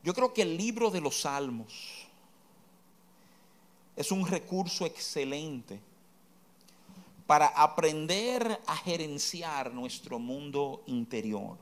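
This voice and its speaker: A preacher with a slightly high voice gives a heartfelt Bible talk. He speaks straight to one listener and keeps asking rhetorical questions. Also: very animated, slow, long pauses. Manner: earnest, direct, addresses listener as "tú", rhetorical questions.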